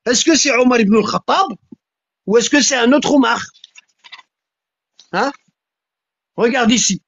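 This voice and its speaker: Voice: mid-range voice, a little slow, fairly bright tone, no echo, highs cut off. A speaker giving a heated religious polemic talk, who keeps stressing points with repeated questions and repeated lines. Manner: insistent, repeats "hein?" and "tu vois?".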